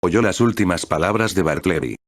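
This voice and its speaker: A man reading a classic story aloud in measured, steady narration. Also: deep voice, no echo, clean studio sound.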